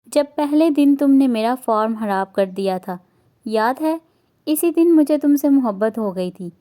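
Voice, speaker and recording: A woman's voice: high voice, expressive, warm tone. A woman voicing a young husband in a romance novel reading, teasing and earnest by turns. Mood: affectionate.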